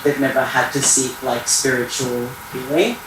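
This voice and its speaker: A young Iranian man with a mid-range, steady voice shares personal thoughts at normal speed during an open share at a community event. He's hesitant, searching for words with many fillers, and he's recorded from far off in an echoey theatre hall with a noisy background.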